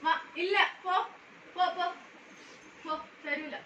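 A woman's voice: extremely high pitch, fairly even intonation, slow pace, lo-fi sound. A woman playing a mother in a home skit, coaxing and scolding her little ones in sing-song baby talk. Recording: echoey room, distant mic, noisy background.

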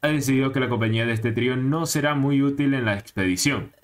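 A man's voice: mid-range voice, fast talker, close to an everyday voice. A man voicing a fussy male parrot foreman who gives orders in a formal, announcing way. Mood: bossy.

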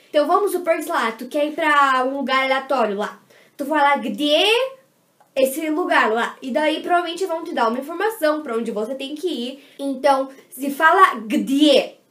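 A woman hosting a playful tutorial vlog, bubbly and slowing right down to sound out foreign words. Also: high voice, a bit bright. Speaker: vlogger teaching words. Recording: echoey room.

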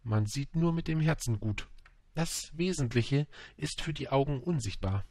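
A man voicing a wise, tender male fox in an audiobook, speaking calmly and instructively. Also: medium pitch, moderate pace, no room sound, voice pushed up, natural voice.

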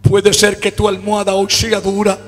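A man with a Spanish accent preaching a fervent sermon in a church, swinging from low murmurs to shouts. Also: monotone, normal speed. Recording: church hall reverb with faint music.

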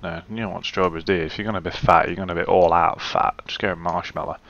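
Gravelly low gamer, swearing casually. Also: male voice, fairly even intonation, fast, a bit bright, muffled recording. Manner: chatty, swears, mutters to himself. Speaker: let's play gamer. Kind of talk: casual gameplay commentary.

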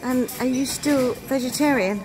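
A woman's voice: high-pitched, normal speed, over music, rough recording. An older woman chatting casually on a cruise vlog, teasing her companion with wry remarks. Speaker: vlog co-host. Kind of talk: casual chat.

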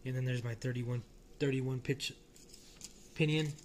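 A man casually talking through a hobby model car while filming it one-handed at home, relaxed and rambling with frequent restarts. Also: mid-range voice, unhurried, a little hiss or hum. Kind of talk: casual off-the-cuff vlog. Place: small indoor room at home.

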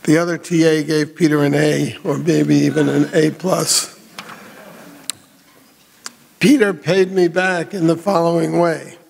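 An older man giving a prepared memorial speech in a measured, reflective way. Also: a little high, fairly even intonation, vocal fry, a little mellow, long reverb tail, slight background noise. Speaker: memorial speaker. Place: hotel ballroom.

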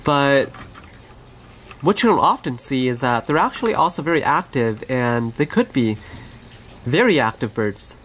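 A pet bird owner and channel host gently narrating pet footage in a casual, conversational way, recorded on the camera mic in an outdoor aviary. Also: mid-range voice, big pitch swings, measured pace, long pauses, a little hiss or hum.

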